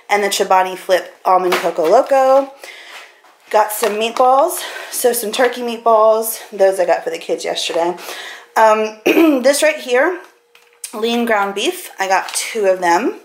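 An American woman in her thirties, mid-range in voice, vlogs casually about her grocery haul, rambling indoors in her kitchen. The handheld camera's mic, held at arm's length, picks up slight background noise.

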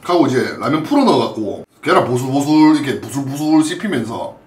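A man's voice: mid-range voice, animated, a little fast, darkish tone, far from the mic, slight background noise. A young man chatting casually on a food stream while chewing his food. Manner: chatty, mumbling asides to himself. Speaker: mukbang streamer. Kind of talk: casual mukbang chat. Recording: roomy echo, off mic, music behind.

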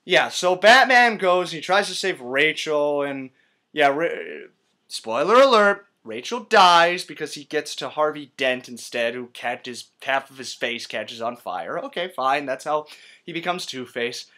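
A man's voice: on the high side, animated, measured pace, pushed and bright. A young man giving a profane, scornful movie-review rant, shifting between mutters and outbursts. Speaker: vlogger.

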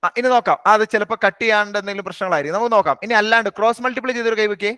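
Fast, bright-voiced male teacher. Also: high voice, clean tone, dry recording. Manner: brisk, coaxing, teasing students by name. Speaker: online maths teacher. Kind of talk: live online class, questioning students.

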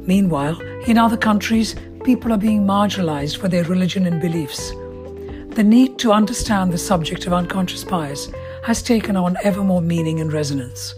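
Over music, a woman from India hosts an interview podcast, asking curious follow-up questions and frequently repeating words as she talks. Her voice is fairly low and a little fast.

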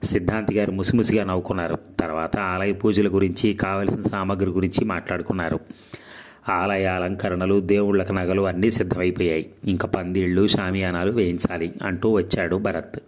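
A man narrating a serialized novel in an even, measured reading voice. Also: sits low.

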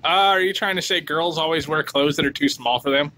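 A man's voice: on the high side, a little fast, bright, forceful tone. A man chatting casually and teasingly as he films a family vlog on a handheld camera mic. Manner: teasing, joking. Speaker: vlogger behind the camera. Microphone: camera mic, held by the speaker. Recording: noisy handheld home video.

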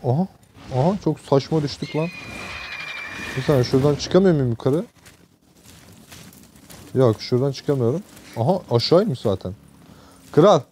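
Excitable young man narrating a game. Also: medium pitch, moderate pace, long pauses, slight background noise. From Turkey. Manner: excitable, swears and jokes at the game. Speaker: gameplay streamer. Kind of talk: casual gameplay commentary.

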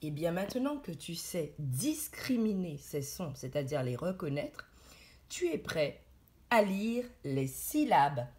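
Slow, patient woman teacher, lively pitch. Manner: slow, patient, articulating each sound for a child to repeat; addresses the child warmly as "tu", praising often. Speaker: primary school teacher. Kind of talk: reading lesson for young children.

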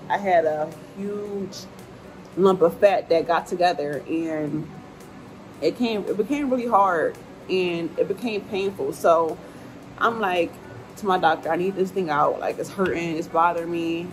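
A woman's voice: mid-range voice, poor audio. A young woman vlogger talking casually to camera indoors in an informal, slangy, emphatic way. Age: young adult. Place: indoor room at home or lodging, fan running.

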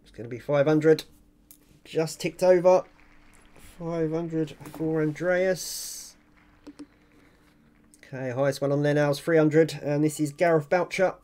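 A man with a slightly high voice hosts a casual online giveaway announcement. He commentates on the draw as it goes, informal and chatty. He addresses winners and viewers directly, like a channel owner talking to regulars. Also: steady tone, a little slow, long pauses, mellow.

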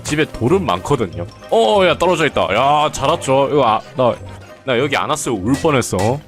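A man talks through his game run in a loose, chatty way, his pitch jumping around as he jokes and scolds the characters. Faint game music plays underneath. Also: sing-song, brisk. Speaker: game streamer. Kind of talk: casual gameplay commentary.

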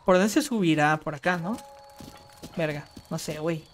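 A woman with a Mexican accent streaming gameplay, talking in slangy, profane chatter and bursting into panicked yelling. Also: sits low, moderate pace, faint music behind. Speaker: gaming streamer. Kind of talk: live gameplay commentary.

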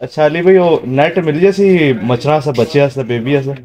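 A man's voice: on the high side, fairly quick, darkish tone. A young man with a Pothwari Punjabi accent, vlogging casually as he walks a market and greets shopkeepers. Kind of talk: casual walking vlog chat. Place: busy outdoor bazaar. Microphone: handheld camera at arm's length. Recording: crowded street noise. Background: crowd chatter and street noise.

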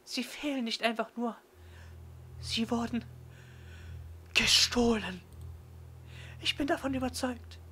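A man voicing an excitable, secretive young female librarian in a breathy falsetto that often drops to conspiratorial whispers, for a visual novel game. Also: slow, pauses often, a little hiss or hum, full character voice.

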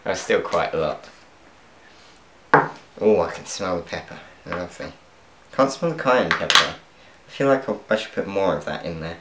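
A young male vlogger with a low, animated voice cooks at home and chats at a moderate pace, joking about his own mistakes to viewers. The casual commentary is recorded in an echoey kitchen with noisy background and pans faintly clattering.

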